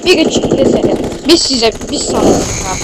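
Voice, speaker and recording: Playing a mobile shooter game, a woman gives casual commentary into a phone mic, excitable and prone to loud outbursts and playful swearing. Her voice is high-pitched, her pace moderate, and the audio is very noisy.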